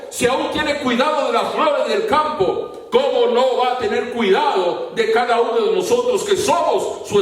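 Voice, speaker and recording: A man preaching a fervent sermon to his congregation, at times rising to shouts. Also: extremely high pitch. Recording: very echoey room, mic far off.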